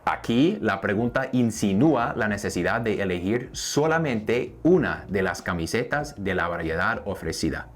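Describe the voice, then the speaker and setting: A man from the United States, a native English speaker, teaching a language lesson in Spanish and slowly repeating each example sentence. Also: lowish voice, lively intonation, faint music behind.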